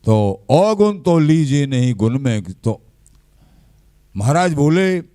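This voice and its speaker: A man giving a slow, measured devotional discourse, often quoting scripture verses. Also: on the high side, dry recording, clean studio sound. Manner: slow, measured, quotes verses and scripture in a lively rise and fall. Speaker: spiritual teacher.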